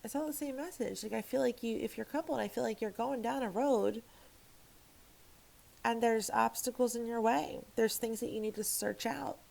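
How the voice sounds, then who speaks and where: A woman's voice: a little high, creaky, darkish tone, poor audio. A woman giving a casual tarot reading to camera, frank and emphatic, swearing freely and rambling with restarts. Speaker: tarot reader.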